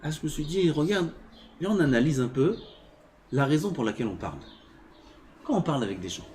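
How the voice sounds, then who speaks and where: A man's voice: a little high, very animated, fairly quick, darkish tone, a little hiss or hum. A man teaching a religious lesson as a rabbi. He reads passages of Hebrew text and explains them, asks the class questions, swings his voice up and down and sometimes drops almost to a whisper. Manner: asks the class questions and acts out everyday scenes.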